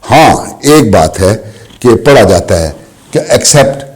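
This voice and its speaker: A man teaching a language lesson, explaining slowly and asking questions he answers himself. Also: fairly low pitch, sing-song, husky. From Pakistan. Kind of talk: classroom lesson.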